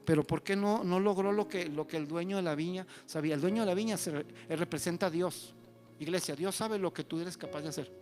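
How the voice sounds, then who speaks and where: A male pastor, preaching an animated sermon and acting out the voices of the people he quotes. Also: high voice, a little fast, soft background music.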